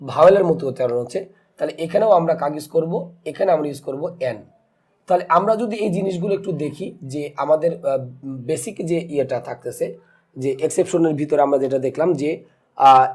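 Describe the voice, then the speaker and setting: A man teaching an English grammar lesson in Bengali-accented speech, asking questions and answering them himself, and slowly pronouncing example words. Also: a little high, a little mellow. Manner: slow deliberate spelling and pronouncing of words.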